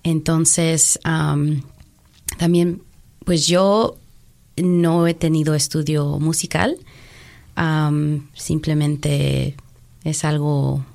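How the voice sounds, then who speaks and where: A woman speaking slowly in a low, gravelly voice. She hesitates often and fills pauses, dropping English words into her talk as she explains things in a relaxed interview. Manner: hesitant, many fillers, slips into English words. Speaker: teacher and group leader. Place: Chicago.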